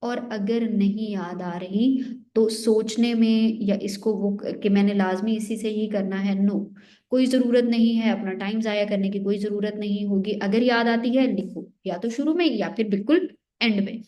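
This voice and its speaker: A woman's voice: medium pitch, normal speed, warm tone. A young woman lecturing on essay writing for an exam-prep course. She explains step by step and often asks a question and then answers it herself. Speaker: teacher.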